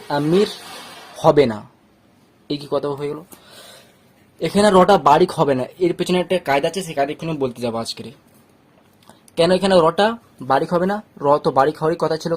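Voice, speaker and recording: A man teaching Quran reading rules step by step, asking and answering his own questions and slowly sounding out letters. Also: fairly high pitch. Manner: repeats phrases and checks understanding often. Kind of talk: step-by-step tajweed lesson.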